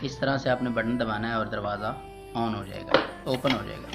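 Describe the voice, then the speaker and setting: An electrician gives a casual, step-by-step how-to tutorial, repeating his instructions and calling viewers his friends. His voice is lowish, fairly quick and fairly even in intonation, with vocal fry, and loud music plays behind him.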